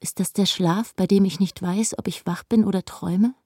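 A woman's voice: mid-range voice, fairly even intonation, normal speed, darkish tone, breathy edge, dry recording, studio quality, close to an everyday voice. A woman voicing a frightened dazed girl. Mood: scared.

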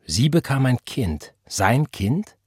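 A man reading a novel aloud in measured, scripted audiobook narration. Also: medium pitch, sing-song, breathy edge, no room sound, clean studio sound.

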